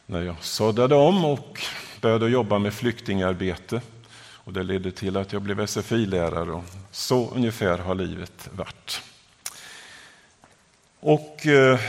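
An older man from Sweden preaching a Sunday sermon in a church, measured and earnest, with frequent pauses. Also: lowish voice. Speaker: pastor. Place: church sanctuary. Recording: long church reverb.

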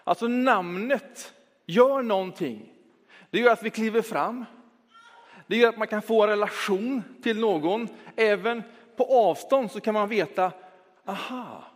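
A man preaching from the front of a church, his voice sitting fairly high for a man. His long reverberant echo trails through the hall as he moves between brisk, talky stretches and slow, weighted words. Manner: reflective, lively shifts between quick talk and slow emphasis. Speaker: pastor. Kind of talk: sermon.

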